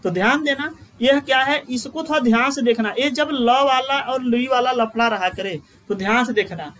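Male online tutor, high-pitched, joking asides to viewers, stretches vowels when chanting. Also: normal speed, a bit bright, slight background noise. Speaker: teacher. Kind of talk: live online Sanskrit grammar class.

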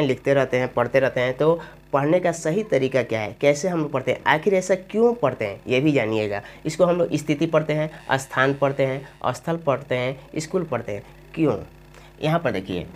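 A teacher explaining Hindi spelling step by step, asking questions aloud and then answering them. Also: mid-range voice. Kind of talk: spoken grammar lesson.

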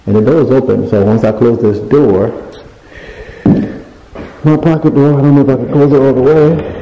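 A man with a mid-range, dark-toned voice and fairly even intonation speaks at normal speed in a casual walkthrough of his unfinished basement. The home renovation vlogger films on a handheld phone, rambling, groping for words, and indicating things among the bare drywall, and the audio is echoey and lo-fi.

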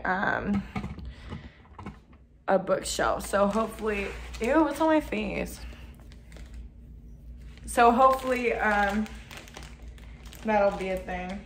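A young woman chats her way through a home baking tutorial, drawling along at an unhurried pace and gushing over every step. Her voice bounces around a small echoey apartment kitchen, caught from across the room with a faint hiss underneath. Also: mid-range voice. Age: young adult. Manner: chatty, excitable, says "like" and "oh my God" a lot. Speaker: cooking vlogger. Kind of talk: casual cooking tutorial. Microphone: camera mic from across the room.

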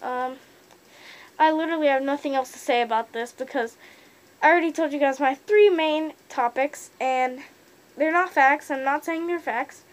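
A woman's voice: high voice, moderate pace. A young woman rambling casually with many fillers about why she wears a fursuit, speaking from inside a costume head. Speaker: fursuiter vlogger. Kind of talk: casual opinion monologue.

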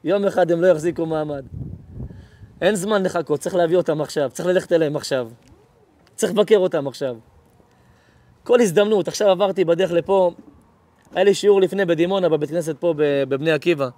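High-voiced rabbi telling stories earnestly. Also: male voice, pauses often, mellow, no room sound. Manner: vivid, acts out dialogue in stories; earnest, urgent. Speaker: rabbi giving a lecture. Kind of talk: emotional storytelling lecture.

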